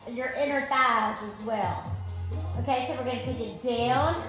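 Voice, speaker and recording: A high-voiced woman leads a workout as an aerobics instructor. She gives unhurried, encouraging cues and counts while exercising. The room is very echoey, with faint music behind her. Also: fairly bright tone. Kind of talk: live exercise class instruction with counting and cueing. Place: living room with hard wood floor, indoors.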